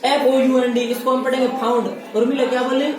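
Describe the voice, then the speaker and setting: A man's voice: extremely high pitch, little pitch movement, brisk, a crowd in the background. A male teacher with a Rajasthani accent, patiently drilling his pupils with repeated questions during a classroom lesson. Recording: echoey classroom from far off. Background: pupils answering in chorus.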